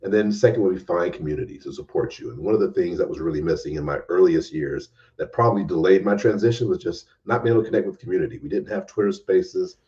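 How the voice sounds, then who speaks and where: Man, podcast guest, rapid talk, dark mellow tone, emphatic advice, slightly muffled distant mic. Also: low voice. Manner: earnest, emphatic advice-giving with repeated phrases. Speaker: guest developer advocate. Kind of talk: casual podcast conversation.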